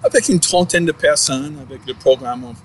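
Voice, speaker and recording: A native English-speaking man conducts a casual interview in a second language, halting and searching for words. His voice is on the high side, and crowd noise surrounds him.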